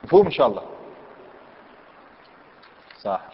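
A man's voice: mid-range voice, very animated, normal speed, gravelly, a little hiss or hum. Algerian man teaching grammar in a hall. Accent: Algerian Arabic. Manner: questions students and repeats key points; reads the commentary text aloud, then explains. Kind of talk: classroom grammar lesson. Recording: echoey hall, dull lo-fi sound.

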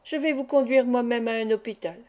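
A stout, kindly man with a hearty, protective way of speaking, read by a woman narrator. The voice sits a little high and sounds soft and mellow. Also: a little fast, lightly acted. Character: stout kindly Dutch man, good-natured.

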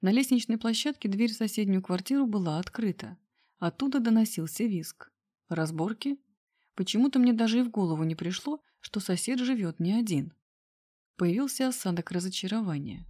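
A woman reading a first-person story aloud with wry, lively humor. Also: medium pitch, normal speed. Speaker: narrator. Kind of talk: first-person audiobook narration.

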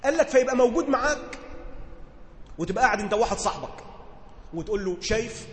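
High-voiced Egyptian man teaching in an echoey hall. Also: lively intonation, fast, fairly bright tone. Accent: Egyptian Arabic. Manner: conversational, asks listeners questions to check understanding. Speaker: teacher explaining Quran commentary. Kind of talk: religious lesson, reading text then explaining in dialect.

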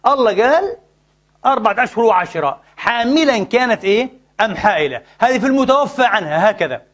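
A man, teaching Islamic jurisprudence in an animated lecture, repeatedly asking listeners to finish his sentences. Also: sits high, fast. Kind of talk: lecture with call-and-response questions.

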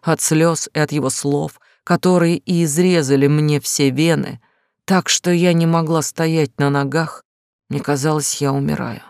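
Gravelly woman narrating a love drama. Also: low voice, fairly even intonation, darkish tone, dry recording, studio quality. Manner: slow, emotional, pained. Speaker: audiobook narrator. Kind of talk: first-person novel narration.

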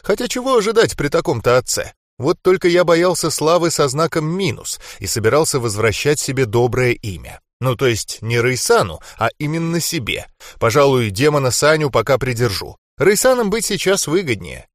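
A man reading a first-person audiobook in a wry, expressive manner. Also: a little high, normal speed, hardly any pauses, no room sound, studio quality. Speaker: audiobook reader.

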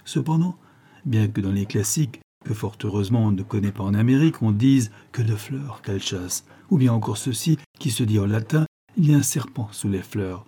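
A man reading the part of a calm, ironic police inspector who speaks in a measured, gently persuasive way. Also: on the low side, breathy edge. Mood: reassuring.

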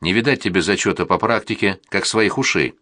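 A man reading aloud, voicing an angry, domineering hospital department chief who shouts. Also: deep voice, a little fast, no room sound, studio quality. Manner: stern, shouting.

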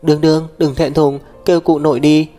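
A gentle young mother, as a male storybook reader puts her on, with a raised, lighter voice. She coaxes her small children softly. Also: on the high side, little pitch movement, a little fast, soft background music, pitched above the performer's own voice, natural voice. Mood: coaxing.

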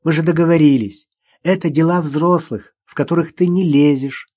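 A man reading as a gentle young mother and teacher. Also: on the high side, fairly even intonation, moderate pace, no room sound, pitched above the performer's own voice, natural voice. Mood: patient.

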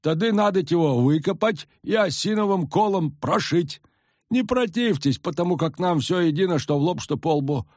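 A man's voice: sits high, expressive, normal speed, darkish tone, no echo, studio quality, pitched above the performer's own voice. A man voicing a pushy, superstitious older peasant man who talks in a rustic folksy way, read in an audiobook. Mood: insistent. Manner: rustic folksy speech, insistent.

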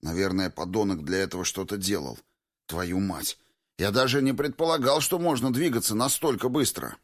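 A man voicing a rough male fighter in an audiobook, blunt and given to swearing. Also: fairly low pitch, moderate pace, no room sound, studio quality, close to an everyday voice. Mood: agitated.

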